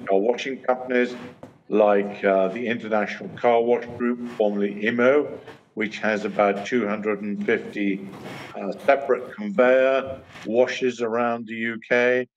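Older uk guy on a video call, slow and careful, lots of ums, dull muffled sound. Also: on the low side, a little hiss or hum. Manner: measured, many fillers and pauses. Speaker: trade association chairman, panelist. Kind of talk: video-call panel discussion. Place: home study, indoors.

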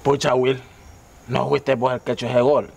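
An actor playing an excitable football fan in a comedy sketch, speaking with a Honduran accent and bursting into commentator-style goal calls. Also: male voice, mid-range voice, normal speed, vocal fry, slight background noise, lightly acted. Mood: coaxing. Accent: Honduran Spanish.

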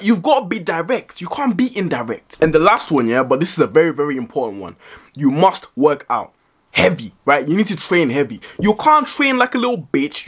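A man's voice: high voice, fairly bright tone. A young man talking straight to camera in an advice vlog, blunt and heavy on swearing, tagging his points with "right?". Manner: blunt, profane, emphatic, with frequent "right?" tags. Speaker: vlogger.

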